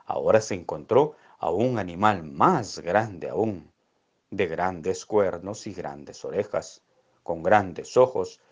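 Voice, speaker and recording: Slow, expressive male storyteller. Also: deep voice, muffled recording. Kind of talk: children's story reading.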